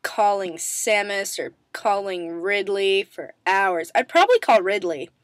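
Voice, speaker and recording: A woman's voice: medium pitch, lively intonation, unhurried, no room sound. A woman chatting casually to camera, bubbly and rambling, her voice scratchy as she recovers from a sore throat. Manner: bubbly, self-mocking, rambling with many ums. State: raspy voice, recovering from strep throat, coughing. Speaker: vlogger answering viewer questions.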